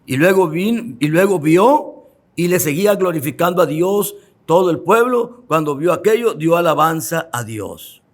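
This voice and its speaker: A man pastor preaching a sermon with fervor, repeating phrases for emphasis, speaking directly to the listeners and drawing out key words slowly. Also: fairly high pitch, expressive. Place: church.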